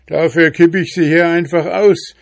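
A man voicing a grumpy, quick-tempered male bear father in a storybook reading, shouting and indignant. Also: on the high side, fairly even intonation, vocal fry, voice pushed up. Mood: angry shouting.

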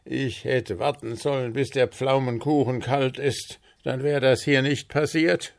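A man's voice: medium pitch, steady tone, measured pace, gravelly, pitched above the performer's own voice. A man doing a flustered grumbling gnome baker. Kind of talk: storybook reading.

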